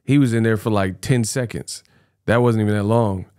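Smooth, warm, and on the low side, this man's voice moves at a moderate pace in a studio-quality, echo-free recording. In his thirties, he hosts a reaction channel from a small indoor home studio with a close mic on a stand, teasing colloquially and repeating himself a lot.

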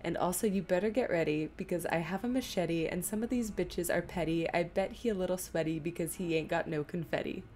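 Playing a video game on stream, a woman chats informally with viewers, rambling and muttering to herself. Her voice is lowish and darkish, and she speaks briskly with few pauses. Game music and sound play behind her.

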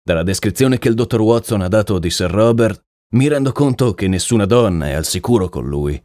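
Man reading a calm sharp detective, low voice, asks things slowly and carefully, dry sound. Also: no echo, close to an everyday voice. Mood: probing. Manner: measured, questioning. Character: shrewd male detective, calm and probing. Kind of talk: audiobook character reading.

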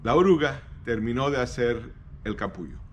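A man, a pastor telling a devotional story, halting and repeating words and slipping into English phrases. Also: medium pitch, expressive, a little hiss or hum.

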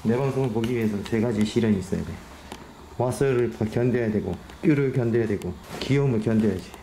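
A man hosting a ghost hunting vlog in an abandoned two-story house, excitable and jumpy, calling out to spirits aloud. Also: medium pitch, quick pace. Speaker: ghost hunting channel host. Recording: echoey empty house with loud noise.

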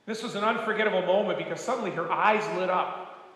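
An older man, a retired pastor, preaching a sermon with gentle, folksy storytelling and humor. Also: high-pitched, quick pace. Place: church sanctuary. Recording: echoey church hall.

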